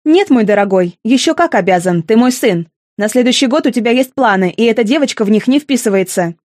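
A woman's voice: fairly high pitch, animated, a little fast, darkish tone, no echo, clean studio sound. A woman voicing a domineering wealthy middle-aged mother in an audiobook, nervous and scolding. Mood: irritated.

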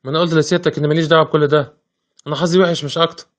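A man's voice: a little high, level tone, very fast, lightly acted. An actor with an Egyptian Arabic accent playing a frightened male engineer in his forties in an old radio drama, pleading nervously. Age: 40s. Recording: dull lo-fi old radio play recording.

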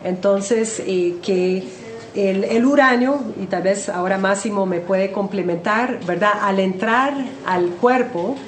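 A woman's voice: medium pitch, slow pace. A woman interpreting at a conference, speaking hesitantly with fillers and tag questions. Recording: echoey conference room.

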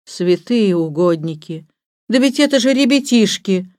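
A woman voicing a stern middle-aged gamekeeper who gives gruff commands. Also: medium pitch, lively intonation, normal speed, dry recording, clean studio sound, pitched above the performer's own voice, lightly acted. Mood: commanding.

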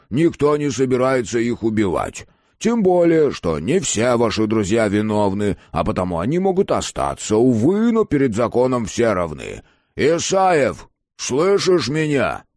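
A man voicing a calm, menacing male community leader who speaks with cold politeness. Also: mid-range voice, measured pace, no room sound, clean studio sound, pitched above the performer's own voice. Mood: coldly polite. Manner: smooth, coldly polite.

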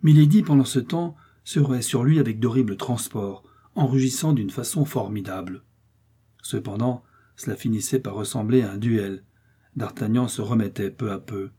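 Man reading an old adventure novel out loud, husky and mellow, gets intense in the fight bits. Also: mid-range voice, normal speed. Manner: expressive, rising with the action. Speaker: audiobook narrator.

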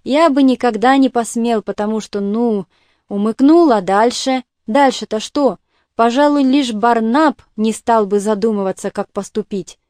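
Woman doing a drunk sorry army captain, rambling, begging, warm dry voice. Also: fairly high pitch, unhurried, dry recording, close to an everyday voice. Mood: rueful. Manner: pleading, rambling. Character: hard-drinking remorseful male army captain.

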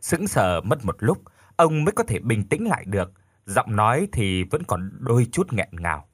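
A man narrating a scripted ghost story in a dramatic, expressive way. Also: mid-range voice, moderate pace, breathy edge, no room sound, studio quality.

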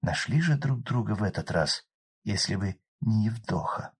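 A man softly voicing a dead girl's fading soul. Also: fairly low pitch, lively intonation, moderate pace, vocal fry, husky, heavily acted. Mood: hushed sorrow. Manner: quiet, hushed, near-whispered. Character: dead young woman's soul, soft and fading. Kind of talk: audiobook character voice.

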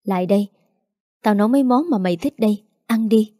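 A woman's voice: mid-range voice, fairly quick, no echo, studio quality, lightly acted. A woman voicing a nagging, emotional peasant mother in her forties. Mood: fussing. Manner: sharp nagging, scolding.

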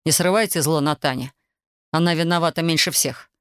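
A woman reading an audiobook, voicing a firm, protective young man who speaks calmly and with authority. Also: low-pitched, brisk, clean tone, no echo, clean studio sound. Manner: calm, hard, commanding.

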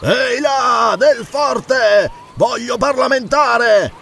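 A man's voice: mid-range voice, animated, moderate pace, gravelly, slight background noise. A man playing a bluff, mocking pirate. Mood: roaring. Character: brash mocking male pirate captain. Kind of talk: audiobook character reading.

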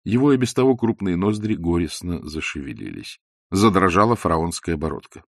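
Man, audiobook narration, low voice, animated intonation. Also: creaky, dry recording, studio quality. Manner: expressive, measured storytelling. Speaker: audiobook reader. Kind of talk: scripted narration of a novel.

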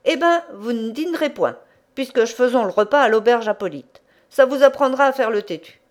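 A woman's voice: on the high side, animated, brisk, pitched above the performer's own voice, natural voice. A woman voicing an earnest young peasant groom who talks in blunt country speech. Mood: angry.

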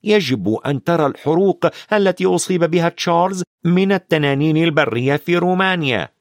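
An eager boy wizard explains things in a quick, lively voice, played by a male reader. The pitch sits raised and moves a lot. The recording is dry and close. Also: no echo.

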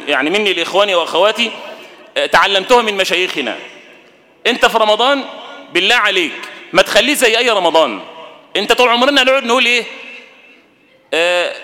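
A man with an Egyptian Arabic accent gives a Ramadan sermon in a mosque. His voice is high and bright, and the words tumble out at great speed. A long reverb from the mosque hall trails after him. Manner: colloquial, asks the audience questions. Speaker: preacher.

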